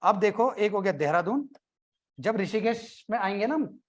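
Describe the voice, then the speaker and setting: A man's voice: high-pitched, lively intonation, normal speed. A man teaching an exam-prep class, talking conversationally, quizzing his students and cracking jokes.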